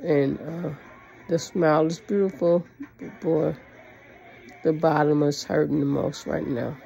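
A woman's voice: sits low, fairly even intonation, measured pace, gravelly, dark tone, lo-fi sound, faint music behind. A woman talking with new dentures in, chatting plainly in a casual video diary. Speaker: vlogger sharing a personal journey.

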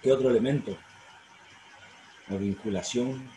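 A man's voice: mid-range voice, measured pace, warm tone. A middle-aged man with an Argentine accent, a law professor giving an online class, explaining at length with fillers and self-corrections. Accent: Argentine Spanish. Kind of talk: online university lecture. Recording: roomy sound, faint noise.

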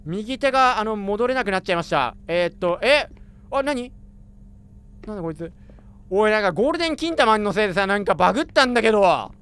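A man doing chatty, excitable commentary while playing a horror game, reacting aloud with jumpy exclamations. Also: high-pitched, clear, resonant tone. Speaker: gamer. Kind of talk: let's play commentary.

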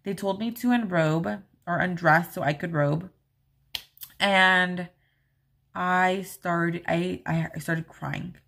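A woman's voice: lowish voice, steady tone, slow, vocal fry, a bit bright. A woman hosting her own vlog, casually telling a personal story in a rambling, open way with plenty of "like" and "um.". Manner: chatty, rambling, many "like" and "um" fillers; open and emotional when recalling events. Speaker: vlog host.

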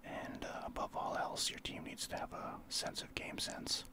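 A man from Saskatchewan, Canada, speaking in a soft breathy whisper as an ASMR streamer, explaining his gameplay in informal gamer talk. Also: moderate pace. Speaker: streamer, ASMR channel host.

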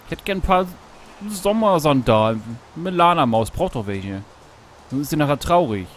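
A man casually commenting on his gameplay while fishing, talking to himself, greeting animals in the game, and yelping excitedly at each catch. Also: a little high, normal speed, a little hiss or hum. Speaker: Let's Play host. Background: background game music.

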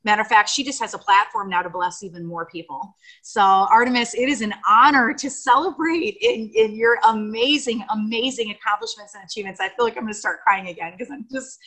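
A woman's voice: on the high side, brisk, few pauses, a bit bright, rough recording. An American woman on a video call giving an emotional, gushing tribute to a friend, rambling with fillers. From United States. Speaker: guest speaker on video call. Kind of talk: heartfelt tribute speech.

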